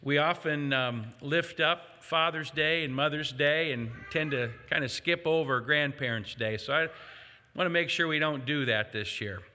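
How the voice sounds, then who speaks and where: A man's voice: fairly high pitch, normal speed, bright, forceful tone. An older man preaching a sermon to a congregation, telling jokes and stories in a folksy way. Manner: folksy, joking storyteller addressing a congregation. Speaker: pastor. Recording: reverberant hall.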